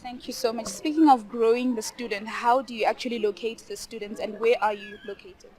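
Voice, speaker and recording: A woman's voice: fairly high pitch, steady tone, brisk, darkish tone. A woman interviewing people at an outdoor charity event, polite and formal, moving between English and Shona.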